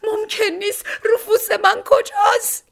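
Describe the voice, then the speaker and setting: A woman's voice: very high-pitched, flat delivery, gravelly, pitched above the performer's own voice. A woman voicing a distraught lady at an airport, shrieking and crying over her lost dog. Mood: shrill, tearful. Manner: shrieking through tears. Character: shrill sobbing woman whose dog was swapped.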